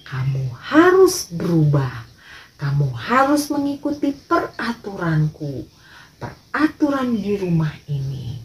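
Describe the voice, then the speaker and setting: A woman voicing a kind, wealthy father who adopts a poor street boy, speaking warmly but firmly in a children's church story. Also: on the low side, a little hiss or hum. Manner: warm, firm, fatherly.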